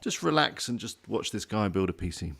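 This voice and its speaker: A man's voice: lowish voice, expressive, fairly quick, gravelly, fairly bright tone, slightly rough. A man hosting a casual livestream group call in an easygoing, conversational way. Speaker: livestream host.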